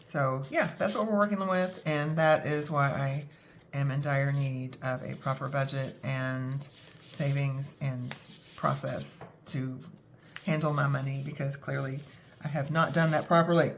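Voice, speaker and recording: This budgeting vlogger's voice rumbles low with fairly even intonation and an unhurried pace. A young adult woman with a scratchy throat from a cold, she talks casually to camera, poking fun at herself and using many fillers.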